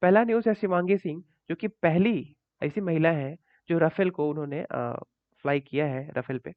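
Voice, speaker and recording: A man's voice: a little high, moderate pace, no echo. A man teaching current affairs for exams over slides, in a conversational way that keeps checking in with "ठीक है". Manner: conversational, repeats points and adds checks like "ठीक है". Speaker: exam coaching teacher. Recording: tinny phone-like dry audio.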